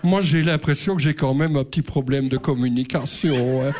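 A man's voice: mid-range voice, moderate pace, background noise. A middle-aged man telling a rambling, self-mocking comic story on stage. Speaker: comedian. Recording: live show with audience laughter.

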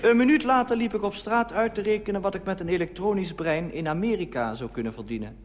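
A man reading his own comic first-person story, lively, acting out the people he quotes. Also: sits high, fast talker. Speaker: humorous columnist reading his own piece. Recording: old radio recording with long reverb and faint hiss.

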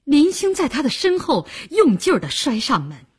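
A woman narrating a novel in a measured storytelling reading. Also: sits high, huge pitch swings.

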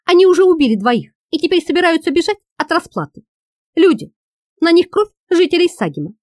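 A woman voicing a shrill, panicky fat male official who shouts and squeals in an audiobook. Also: very animated, normal speed, dry recording, clean studio sound, exaggerated voice. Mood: shrill alarm.

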